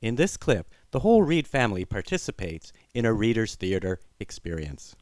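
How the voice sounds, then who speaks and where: Low, lively male narrator, dry studio sound. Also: moderate pace, dry recording. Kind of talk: scripted educational video narration.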